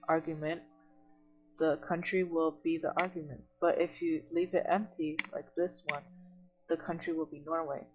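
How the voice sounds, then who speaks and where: A tutor leads an online coding lesson, reading documentation aloud and then restating it in plain words. The voice sits in a middle register and moves at a patient, step-by-step pace. Faint music plays softly underneath. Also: mid-range voice, poor audio.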